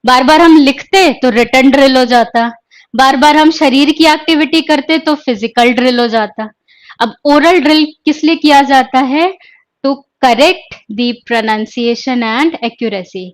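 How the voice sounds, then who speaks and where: High-voiced woman teaching a live lesson. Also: moderate pace. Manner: explains step by step, asks questions and answers them herself; mixes English terms into her talk. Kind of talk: live online exam-prep lesson.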